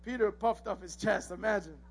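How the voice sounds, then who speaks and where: A man's voice: high-pitched, brisk, husky. A male pastor, preaching a sermon and acting out the characters' voices as he tells the story.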